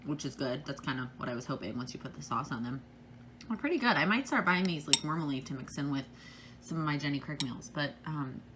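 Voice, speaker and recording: A woman's voice: deep voice, a bit bright, a little hiss or hum. An American woman talking casually to her vlog audience in an informal, rambling way, often correcting herself as she goes. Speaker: vlogger. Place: indoors at home.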